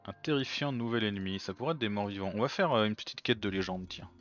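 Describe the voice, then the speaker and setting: A man hosting a let's-play video, chatting casually as he plays and thinking out loud with plenty of fillers. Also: fairly low pitch, fast, highs cut off, faint music behind. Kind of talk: casual gameplay commentary.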